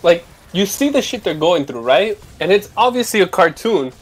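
A young man in loose, profane chat among friends, his voice sitting a little high and bouncing around a lot in pitch. He rambles through stories and keeps checking in with "you know what I mean.". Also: very animated, normal speed. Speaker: gamer chatting with friends. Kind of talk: casual chat.

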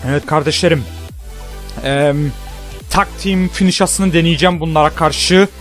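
High-voiced man shouting over a wrestling game. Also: normal speed, soft background music. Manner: trash-talks the opponent, shouts and counts pins. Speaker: gaming channel host. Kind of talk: excited live gameplay commentary.

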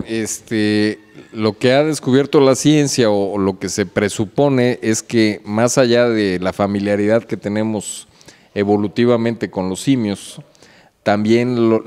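Male co-host, low voice, dry measured quips, long studio echo. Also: a little mellow, clean tone. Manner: dry, witty, measured asides. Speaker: talk show co-host. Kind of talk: casual studio banter.

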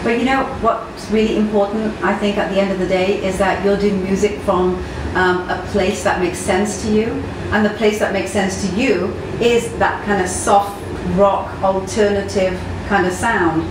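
An enthusiastic woman in her forties hosts an interview, gushing and peppering her questions with ums. Her voice carries a heavy room echo, picked up by a mic set some way off, with a steady hum of noise underneath. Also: medium pitch, normal speed, hardly any pauses. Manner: effusive, enthusiastic, many ums. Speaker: interview host. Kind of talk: conversational interview. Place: studio set with red wall. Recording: echoey room, mic at a distance, audible room noise.

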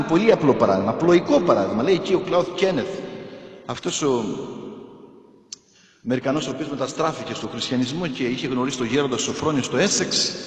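A man, a priest, preaching a sermon in a church, emphatic and asking rhetorical questions. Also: fairly high pitch. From Greece. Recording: echoey church hall.

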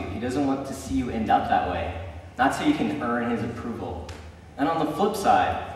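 Medium in pitch and darkish in tone, a young preacher's voice carries through an echoey church hall, recorded from a distance with a little hiss or hum. Standing in the sanctuary, he gives a casual, chatty sermon, telling stories with frequent ums and likes.

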